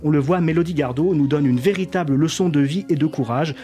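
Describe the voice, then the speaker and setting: A man's voice: a little high, fairly quick, warm tone, faint music behind. A man presenting a radio culture segment, telling an artist's story with a frequent tag word. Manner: frequent filler "hein", storytelling delivery. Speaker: radio columnist.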